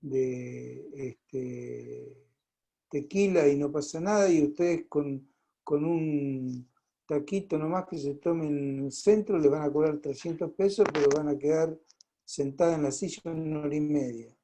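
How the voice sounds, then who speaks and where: Argentine male lecturer, warm mellow voice, chatty, checks the class often, video call mic. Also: fairly high pitch, vocal fry, rough recording. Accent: Argentine Spanish. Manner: conversational, fills pauses and checks in with the class. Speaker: pharmacology lecturer.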